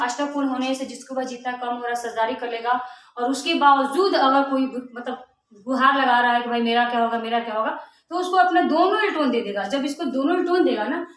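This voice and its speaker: A woman chemistry teacher, lecturing casually and giving the atoms playful little voices. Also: high-pitched. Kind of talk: classroom lecture. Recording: very echoey room, voice from far off.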